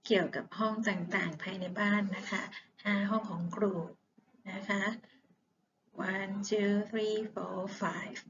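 A woman teacher leads a lesson for young children at an unhurried pace, praising and repeating words patiently. The recording is a little dull, with a faint hiss behind her. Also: mid-range voice, fairly even intonation. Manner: slow, encouraging, mixes Thai and English. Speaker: primary school English teacher. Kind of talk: online classroom lesson.

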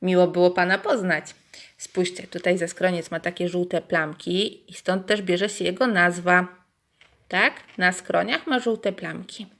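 A woman reading a picture book aloud to young children, pausing to explain things to them. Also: on the low side. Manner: lively, acts out animal voices, asides to kids. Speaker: children's storyteller.

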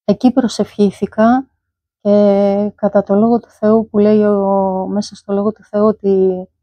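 A middle-aged woman giving a personal faith testimony, pausing often with hesitant fillers as she quotes her parents. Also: mid-range voice, level tone, dry recording, highs cut off. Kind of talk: personal testimony, recounted story.

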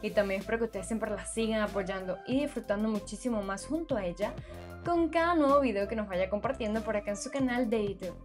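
A woman hosting her own channel, narrating a screen-recorded tutorial and calmly walking viewers through numbers step by step. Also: medium pitch, quick pace, soft background music. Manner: steady, explanatory, walks through numbers step by step. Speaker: YouTube channel host.

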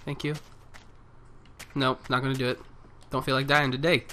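A man's voice: mid-range voice, little pitch movement, moderate pace, fairly bright tone, a little hiss or hum. A man commenting casually and jokingly on his own gameplay, talking to the animals and monsters on screen. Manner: playful, jokey, talks to animals and mobs. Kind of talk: casual let's play commentary.

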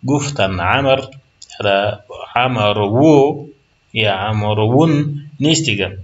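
A man with an Afghan Dari accent lecturing on Arabic, reading example sentences slowly and then explaining them patiently. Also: lowish voice, a bit bright. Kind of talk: recorded lecture. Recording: dull lo-fi lecture recording.

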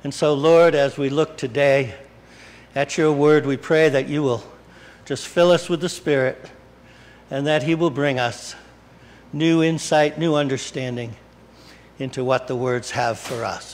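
A middle-aged man preaching a sermon as pastor in a small church, unhurried and often correcting himself mid-sentence. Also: medium pitch, fairly even intonation. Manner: slow, unhurried delivery with frequent self-corrections. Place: small church sanctuary, indoors.

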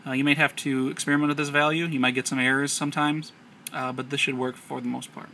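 A man's voice: mid-range voice, little pitch movement, fast talker, bright, forceful tone. An American man narrating an unscripted hands-on tech tutorial step by step, recorded on a handheld camera. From United States. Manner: explanatory, step-by-step instruction. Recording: noisy amateur handheld camera audio.

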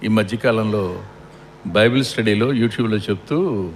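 A man's voice: on the low side, unhurried. A middle-aged man preaching a funeral sermon, asking rhetorical questions and repeating lines for emphasis. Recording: long hall reverb with faint air-conditioning hum.

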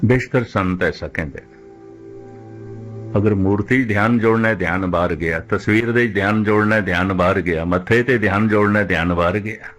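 A man preaching a religious discourse in a measured, deliberate way, slowing right down when he quotes scripture. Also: lowish voice, a bit bright, faint music behind. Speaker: Sikh preacher.

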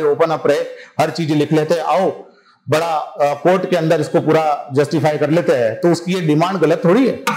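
A man's voice: sits high, darkish tone, reverberant, poor audio. A man teaching a civil services exam class in a conversational lecture style, often checking that his students follow him.

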